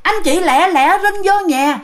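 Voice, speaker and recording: A woman's voice: high voice, natural voice. A woman voicing a worried neighbor who fires off anxious questions about a frightened boy. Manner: fretful rapid questions. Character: worried neighbor, an adult, fussing.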